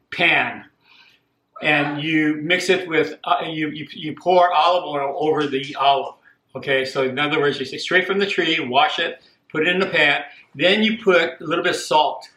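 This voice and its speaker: An older man from Costa Rica giving a plain, unhurried home cooking demonstration, repeating himself now and then. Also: on the high side, pushed and bright. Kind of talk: casual home cooking demo. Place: echoey home kitchen. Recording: echoey kitchen with clear background noise.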